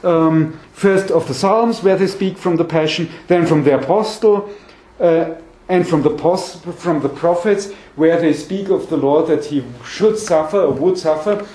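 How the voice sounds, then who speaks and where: A man in his forties, an academic lecturer, gives a scholarly seminar talk in an indoor meeting room with a conference table. He speaks hesitantly and unhurriedly, often repeating words as he hunts for phrasing, in a warm, somewhat high voice. The room is echoey and the mic sits at a distance.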